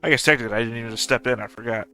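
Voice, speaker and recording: A man playing a tabletop game over group voice chat, casual and quick to apologize for his own slips. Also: mid-range voice, sharp tone, clear, resonant tone. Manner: apologetic, self-deprecating. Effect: heard over group voice chat.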